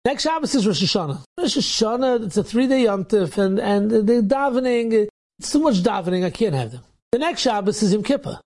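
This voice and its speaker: A man's voice: high voice, brisk. A man, a rabbi, telling an inspirational story and acting out the dialogue with energy. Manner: animated, acts out dialogue in quotes.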